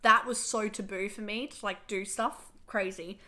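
A woman's voice: mid-range voice, steady tone, moderate pace, pushed and bright. A young adult woman, hosting a podcast in casual, chatty, confessional talk, her voice a little worn as she loses it. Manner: chatty, filler-heavy, confessional. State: losing her voice. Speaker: podcast host.

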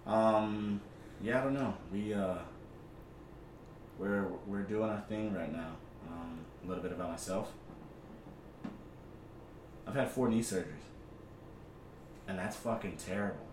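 A man's voice: fairly low pitch, unhurried, pauses often, darkish tone. A man co-hosting a sports podcast in loose, unpolished chat, blunt and slangy with swearing. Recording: distant, echoey room with clear noise.

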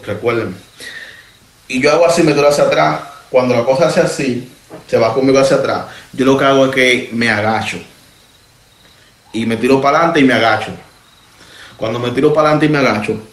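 Man telling a spooky story in an echoey room. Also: medium pitch. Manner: animated, conversational, speaks directly to listeners. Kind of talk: casual first-person storytelling.

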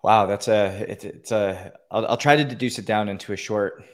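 A man's voice: on the low side, fairly even intonation, normal speed. A man from Canada, a podcast guest calling in, earnestly telling his own story with many fillers and restarts. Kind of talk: personal story in an interview. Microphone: call-in line.

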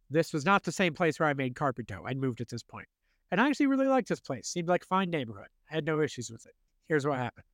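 A young male podcast host spins a casual story, animated and quick to swear, acting out what everyone said. His voice sits a little high for a man. The sound is dry and close, with no room around it. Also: no room sound. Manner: animated, swears freely, acts out quotes.

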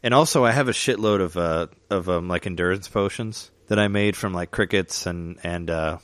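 A man's voice: low voice, normal speed, fairly bright tone, dry recording. A man chatting casually about a video game, rambling with lots of fillers and restarts. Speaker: gamer chatting. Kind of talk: casual chat.

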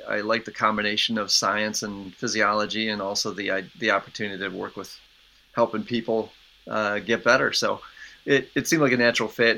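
A man, a physician executive, answering interview questions in a halting way with many fillers and restarts. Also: fairly low pitch, gravelly, pushed and bright, rough recording. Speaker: guest, chief medical officer. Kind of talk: podcast interview.

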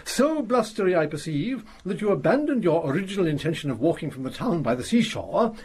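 A brilliant, vain old detective in a radio play, his slightly raised voice rising and falling in lively swoops. He speaks in precise, lofty phrases and chuckles at his own cleverness. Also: a little high, fairly quick, breathy edge. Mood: lecturing. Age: older. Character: elderly retired detective, brilliant, vain and untidy. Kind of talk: radio drama acting.

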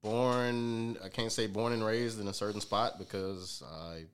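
A man's voice: lowish voice, fairly even intonation, a little slow, smooth. A man who is a singer, a guest on a podcast, talking in an easygoing, slangy way with casual swearing.

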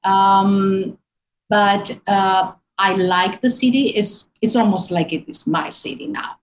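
Italian woman guest, halting with fillers. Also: medium pitch, fairly even intonation, a little hiss or hum, poor audio. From northern Italy. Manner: hesitant, many fillers. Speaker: tour guide guest. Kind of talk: interview on a call.

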